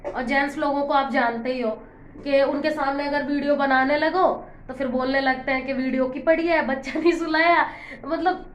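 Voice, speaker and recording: Young woman doing a chatty vlog voiceover at home, kinda high voice, lots of room echo. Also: fairly even intonation, moderate pace, a little hiss or hum. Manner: chatty, complaining storytelling. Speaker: home vlogger. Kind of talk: casual vlog voice-over.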